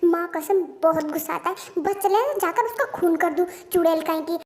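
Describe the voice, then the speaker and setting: A woman doing a short-tempered young female boss, high voice. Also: fairly even intonation, brisk, a little mellow. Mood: ranting. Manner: scolding, ranting. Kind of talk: Hindi fan-dub audio story.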